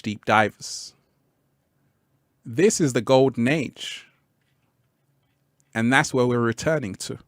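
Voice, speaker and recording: Male livestream host, unhurried and easygoing, repeats lines, dry close mic. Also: mid-range voice, a bit bright, no room sound. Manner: laid-back, laughs often, repeats phrases, sudden whoops. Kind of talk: live stream chat, reading comments.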